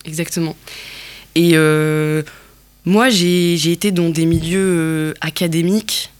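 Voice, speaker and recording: A woman's voice: on the low side, steady tone, slow pace, smooth. Thoughtful woman from Algeria. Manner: thoughtful, many fillers and restarts. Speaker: guest. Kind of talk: reflective interview talk.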